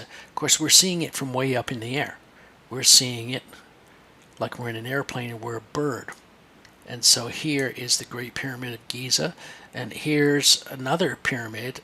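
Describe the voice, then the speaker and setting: Gravelly, bright-voiced man teaching on screen. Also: mid-range voice, slight background noise. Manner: chatty, thinking aloud while pointing things out. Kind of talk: screen-share lesson for kids.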